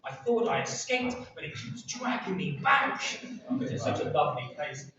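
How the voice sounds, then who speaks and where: Chatty English poet in an echoey hall. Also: male voice, on the high side, very animated, moderate pace, crowd noise. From England. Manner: chatty, self-deprecating, joking asides. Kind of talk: live poetry reading with audience banter. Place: large seaside pavilion hall with audience. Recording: echoey hall, distant, dull and noisy.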